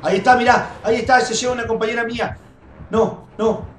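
A young man with a Rioplatense Spanish accent commentating a game, excitable, swearing, and screaming when chased. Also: very high-pitched, a little fast. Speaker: gameplay streamer. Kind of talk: gaming commentary. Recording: echoey room, faint noise.

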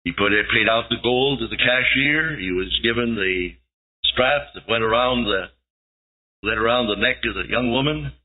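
A man's voice: mid-range voice, moderate pace. A man preaching a sermon, telling a story dramatically and building to emphatic peaks. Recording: tinny lo-fi tape recording.

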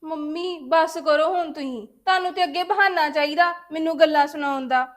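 A woman's voice: high voice, moderate pace, no echo, clean studio sound, lightly acted. Woman playing a resentful young daughter-in-law. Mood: defensive. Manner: complaining, defensive back-talk. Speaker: daughter-in-law in a family drama. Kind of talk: web series family drama acting.

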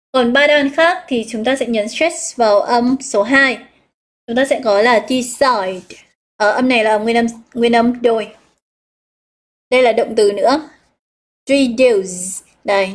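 A woman with a Northern Vietnamese accent leads a live English exam review, her voice a little higher than most. She explains each answer step by step, stretches out the key words and calls out what her students chose. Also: moderate pace. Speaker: English teacher.

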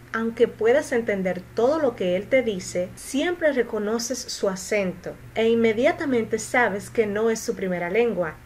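Woman, English teacher, slow careful speech, clearly articulated, faint background noise. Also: mid-range voice, a little mellow, low-quality recording. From Latin America. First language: Spanish. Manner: slow, deliberate, clearly articulated model sentences. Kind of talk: pronunciation lesson with slow repetition and translation.

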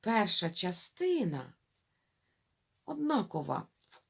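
A woman teaching young children to read, sounding out syllables slowly and talking straight to them. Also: lowish voice, sing-song, creaky, fairly bright tone, slightly rough. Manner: drawn-out syllable-by-syllable modelling of reading; addresses children directly, coaxing. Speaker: primary school teacher. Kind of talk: reading lesson for young children.

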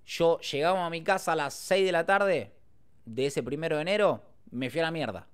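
A man's voice: on the high side, moderate pace, clear, resonant tone. A young Argentine man telling a casual story as a podcast host, slangy and rambling with frequent filler tags. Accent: Argentine Spanish.

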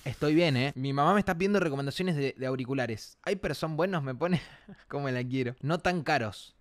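A man's voice: medium pitch, a little fast, no room sound, studio quality. A young man with an Argentine accent, chatting casually and reacting on a stream, full of slang and asides to his chat. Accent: Argentine Spanish. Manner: slangy, animated, talks to chat.

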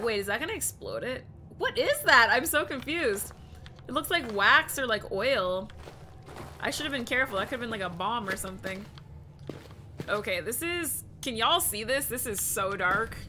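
A woman's voice: fairly high pitch, lively intonation, moderate pace, bright, forceful tone, a little hiss or hum. A young woman streaming a horror game, jumpy and exclamatory, swearing as she plays. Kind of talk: live horror game commentary. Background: game music.

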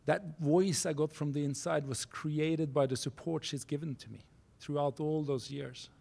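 A Norwegian man in his forties tells a personal story from a university auditorium podium. His voice sits a little high for a man, and his English is earnest and halting, full of restarts and non-native phrasing. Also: steady tone, vocal fry, warm tone. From Norway. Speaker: keynote speaker. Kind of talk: storytelling keynote speech. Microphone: podium microphone.

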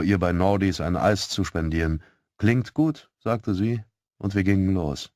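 Low-voiced man narrating an audiobook. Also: no echo, clean studio sound. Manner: calm, measured storytelling. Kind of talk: first-person audiobook narration.

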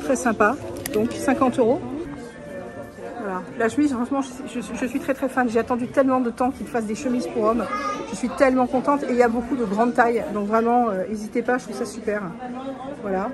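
A woman's voice: fairly high pitch, fairly even intonation, brisk, a crowd in the background. A woman vlogging casually from an indoor shop, gushing over each item and piling on superlatives, filming on a handheld phone. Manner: gushing, piles on superlatives and repeats "very, very". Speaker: merchandise vlogger. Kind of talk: casual shopping vlog. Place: indoor theme park shop. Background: shop background music.

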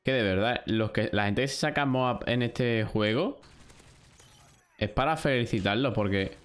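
This Spain Spanish-accented streamer is a young man playing a shooter live, his mid-range voice clean and unhurried. He narrates the game to himself and his chat, swearing whenever he loses.

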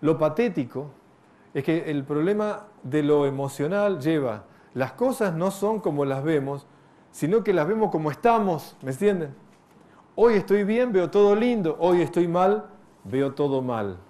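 Mellow-voiced man lecturing. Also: a little high, animated, unhurried. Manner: rhetorical questions with light humor. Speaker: spiritual lecturer. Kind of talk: reflective talk to an audience.

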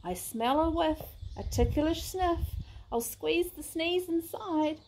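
A woman's voice: high voice, slow, a little mellow, a little hiss or hum. A woman voicing a friendly, playful monkey in a storybook reading, fussy and sing-song. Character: friendly male monkey trying to hold a sneeze.

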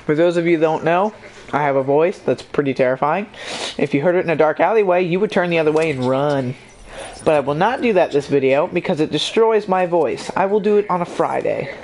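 A woman's voice: sits low, fairly quick, darkish tone, a little hiss or hum. A woman hosting her gameplay video, joking, swearing and laughing through casual banter with a friend.

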